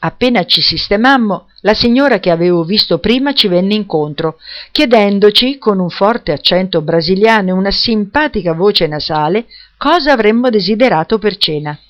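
A woman narrating a story in a clear, measured reading style. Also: medium pitch, expressive, dull audio.

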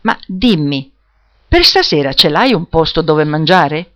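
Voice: medium pitch, lively intonation, unhurried, a bit bright. A reader voicing a laughing, teasing young man from Naples in an audiobook. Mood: friendly. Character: jovial young Neapolitan man, teasing and generous.

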